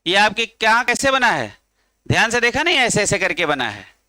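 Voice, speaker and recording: A man's voice: high voice, big pitch swings, normal speed, pushed and bright, no room sound. A male chemistry teacher giving a classroom lecture, coaxing his students and drilling them to chant along.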